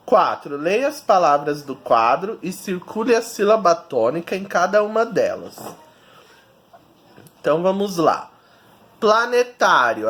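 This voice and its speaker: A man's voice: a little high, fairly bright tone. A man, a teacher giving a recorded video lesson and patiently explaining each step to children.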